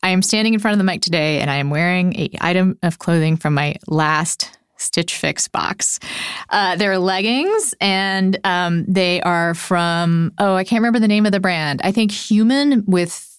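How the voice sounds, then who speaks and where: A woman's voice: fairly low pitch, normal speed, clear, resonant tone, dry recording, studio quality. Chatty self-mocking woman podcast host. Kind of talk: casual chat and host-read ad. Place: home studio, standing at mic.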